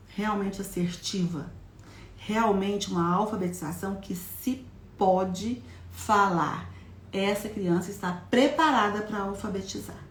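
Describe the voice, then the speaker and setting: A woman giving a live teaching talk to an audience, explaining step by step and often asking them questions. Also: medium pitch. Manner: demonstrates syllables in a lively, childlike classroom voice. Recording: echoey room sound.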